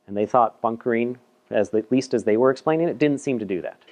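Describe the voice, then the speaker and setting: A man's voice: medium pitch, quick pace, darkish tone. A man giving a casual, chatty technical talk at a meetup, presenting a paper with self-deprecating asides and frequent repeated words. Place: meetup room.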